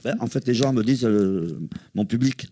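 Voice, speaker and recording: A man who is a singer-songwriter, a guest chatting casually about his work in quick, talkative bursts. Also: medium pitch, warm tone, no room sound. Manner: chatty and self-promoting, quick bursts of speech. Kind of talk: casual chat.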